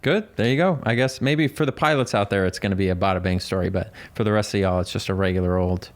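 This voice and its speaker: A man's voice: sits low, quick pace. A man co-hosting a casual podcast, telling stories in a rambling, self-interrupting way. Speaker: podcast co-host.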